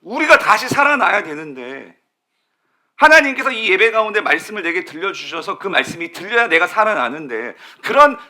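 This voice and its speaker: Guy pastor preaching in church, high bright voice, asks the room stuff then answers it himself. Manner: asks the congregation questions and answers them himself; emphatic, repeats key words. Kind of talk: sermon. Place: church sanctuary.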